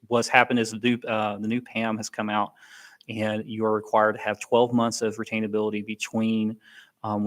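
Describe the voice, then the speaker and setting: Man giving a benefits briefing. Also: medium pitch. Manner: explains plainly with frequent ums and restarts. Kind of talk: informal briefing presentation.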